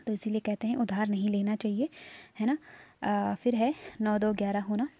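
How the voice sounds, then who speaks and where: A woman's voice: mid-range voice, fairly even intonation, moderate pace, mellow, dry recording. A woman teaching an online exam-prep lesson, patiently explaining each answer step by step and checking in with tag questions.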